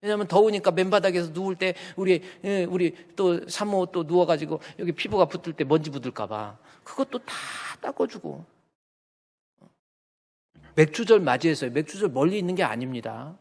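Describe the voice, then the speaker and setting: A male pastor in his fifties giving a folksy, animated sermon, acting out stories from family life. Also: sits high, normal speed. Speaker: senior pastor. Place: church sanctuary. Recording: church hall reverb.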